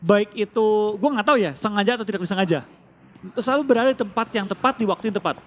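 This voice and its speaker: Very high-voiced male esports analyst, rapid. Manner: explanatory, slangy. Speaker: esports co-caster. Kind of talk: live esports commentary and analysis.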